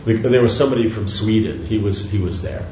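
With a warm, low voice moving a little fast, an older man gives a devotional lecture as a spiritual teacher, rambling conversationally with asides, restarts and frequent "you know." The echoey room carries faint noise.

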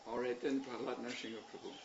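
A man running a class, announcing the schedule in a measured way with frequent pauses. His voice sits at a middle pitch. The recording is muffled and carries a steady background noise. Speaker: class leader.

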